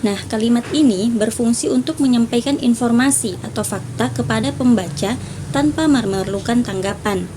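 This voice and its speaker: A young woman presenting a class topic, reading her points in a steady list. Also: a little high, moderate pace, noisy background. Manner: steady listing of points, clears throat. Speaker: student presenter.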